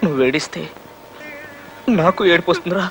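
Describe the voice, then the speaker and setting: Tearful, tender elder brother, slightly high voice, Telugu accent, film music behind. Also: male voice, fairly quick, a bit bright, poor audio. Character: remorseful elder brother comforting his sibling.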